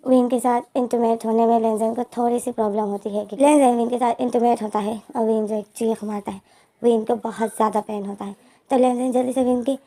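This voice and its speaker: A woman's voice: fairly high pitch, warm tone. A woman retelling a fan fiction story as its narrator, in simple narration that repeats itself.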